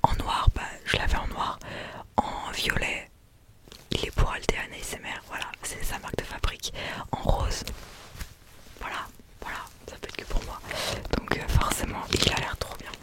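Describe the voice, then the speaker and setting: A woman whispers in a breathy, unvoiced ASMR style into a close condenser microphone, chatting casually and gushingly as she presents an unboxing. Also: normal speed, long pauses. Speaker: ASMR video creator and streamer. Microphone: close USB condenser microphone.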